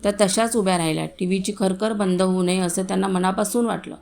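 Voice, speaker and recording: A woman reading a short story aloud in a calm, even storytelling manner, voicing the family's dialogue herself. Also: medium pitch, fast, gravelly. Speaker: story reader.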